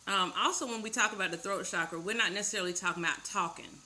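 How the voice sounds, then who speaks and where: A woman's voice: mid-range voice, quick pace, slight background noise. A talkative woman giving a casual tarot card reading on a live stream, speaking directly and encouragingly to one person. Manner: chatty and talkative; warm, encouraging, addresses listener directly.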